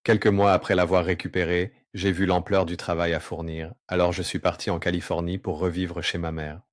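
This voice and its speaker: A man whose voice is pitched down very deep to disguise it, earnestly and remorsefully telling his personal testimony. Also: level tone, no room sound, clean studio sound. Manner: earnest, remorseful, with pauses and slow stretches. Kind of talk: confessional first-person testimony.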